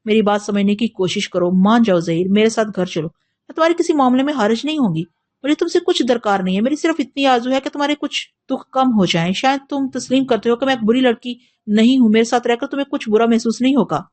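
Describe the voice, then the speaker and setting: A woman's voice: a little high, darkish tone, close to an everyday voice. A woman reading an earnest, imploring young woman. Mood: pleading. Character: caring, pleading young woman. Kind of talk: audiobook reading.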